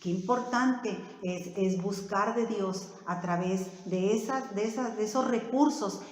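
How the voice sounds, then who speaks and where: A woman's voice: mid-range voice, a little slow, darkish tone. A woman giving an earnest sermon, often checking in with her listeners. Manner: earnest, tag questions to the listeners. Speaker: preacher. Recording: echoey hall reverb.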